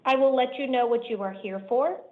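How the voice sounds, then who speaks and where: A woman judge speaking in a measured, formal, deliberate way from the bench, heard on a courtroom recording. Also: high voice. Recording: dull lo-fi courtroom stream.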